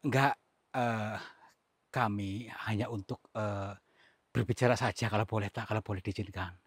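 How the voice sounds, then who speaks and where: A man from Central Java presents a staged ghost-hunting vlog outdoors. He talks in a hushed, coaxing way and often drops to a whisper. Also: on the low side, steady tone, moderate pace, no room sound. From Cilacap, Central Java. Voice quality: very husky. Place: outdoors on an overgrown hillside.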